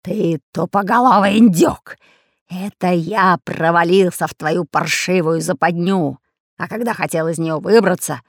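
Gravelly storybook pirate captain, scolding; woman narrator voicing him. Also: low voice, no echo, clean studio sound, voice pushed down. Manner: snarling, scolding. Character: gruff angry red-bearded pirate captain. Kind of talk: audiobook character voice.

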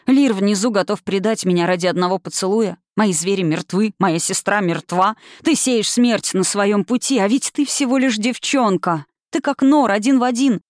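A woman's voice: medium pitch, normal speed, few pauses, a little mellow, no room sound, studio quality, natural voice. Woman voicing a snarling, bitter witch. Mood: bitter, brooding. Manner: snarling, accusing, hissing. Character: bitter, menacing witch, woman, middle-aged.

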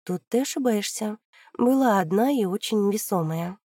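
A woman reading an audiobook, voicing a fearless female investigator who argues in a calm, methodical way. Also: mid-range voice, normal speed, no room sound, studio quality. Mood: pressing.

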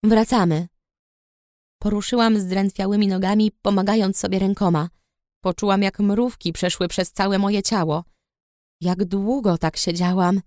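Female audiobook narrator, first person; even, reflective delivery; dry, close studio sound. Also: mid-range voice, moderate pace, no room sound.

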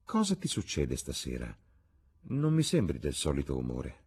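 A man voicing a gentle young gentleman who murmurs softly and sounds weary. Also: rumbling low, wildly swooping pitch, moderate pace, slightly rough, full character voice. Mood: wistful. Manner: soft, murmuring.

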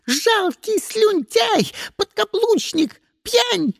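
Shrieking spiteful cat-girl, way high, hissy and mean, dry close sound. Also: very animated, a little slow, darkish tone, no room sound. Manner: screeching, spitting insults. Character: shrill vicious young cat-girl.

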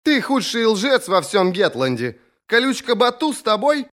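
A man's voice: high voice, big pitch swings, normal speed, a bit bright, pitched above the performer's own voice. A man reading an audiobook, voicing a young woman who calls insistently through a door to her brother. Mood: scolding. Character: young woman, anxious, scolding older sister. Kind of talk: audiobook character voice.

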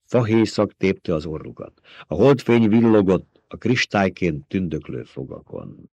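Low-voiced man narrating dramatically. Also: expressive, creaky, dry recording, muffled recording. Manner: dramatic, tense storytelling with hushed drops in volume. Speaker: audiobook narrator. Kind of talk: scripted audiobook narration.

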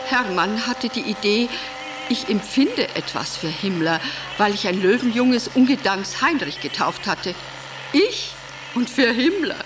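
An actress playing a vain, gushing, middle-aged wife who was once a stage actress, speaking in a theatrical radio drama with wide swings from cooing to brooding. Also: female voice, medium pitch, noisy background, close to an everyday voice. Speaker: radio drama monologue lead. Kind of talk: German radio drama acting.

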